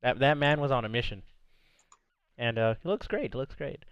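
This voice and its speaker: A man's voice: medium pitch, moderate pace, clear, resonant tone, dry recording, highs cut off. A young man hosting a casual podcast, upbeat, chatting with friends and reading chat messages aloud. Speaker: podcast host.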